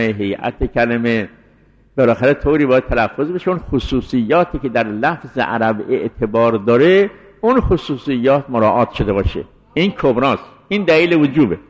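A man teaching a seminary class in a measured, explanatory way, circling back to restate each point. His voice sits at an ordinary middle pitch. It comes through a dull, lo-fi recording with a long hall reverb trailing each phrase. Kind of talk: scholarly jurisprudence lecture.

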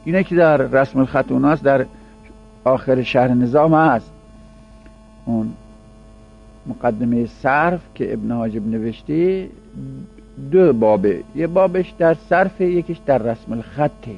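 Man, grammar teacher, slow deliberate lecture, drawn-out example words, muffled recording with mains hum. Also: mid-range voice, vocal fry, faint music behind. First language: Persian. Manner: explains slowly, drawing out example words. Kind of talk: classroom lecture.

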